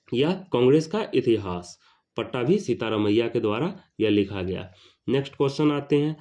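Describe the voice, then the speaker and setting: On a muffled recording, a man goes over history exam material. He reads a question, repeats it with its answer, and calls out each question number at a higher pitch and greater volume.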